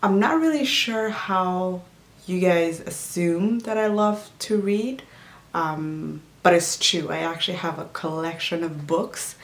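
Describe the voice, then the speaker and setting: Speaking slowly with a lowish voice, a woman from Djibouti hosts a casual Q&A vlog about health and nutrition. English isn't her first language, and her easygoing, chatty talk carries many fillers and restarts in an echoey room.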